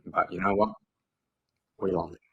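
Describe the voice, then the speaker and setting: A man's voice: deep voice, level tone, moderate pace, breathy edge, phone-quality sound. A man co-hosting a podcast as a mock awards show, playful and rambling, with many fillers. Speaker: podcast co-host.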